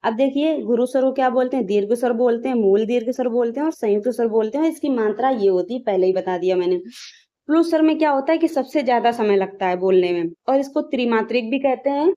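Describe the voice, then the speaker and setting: A woman with a slightly high, mellow voice talks quickly as she teaches grammar for exam prep. She drills sounds aloud, checks in with "ठीक है" after each point, and poses questions that she then answers herself. The lo-fi audio sounds slightly dull.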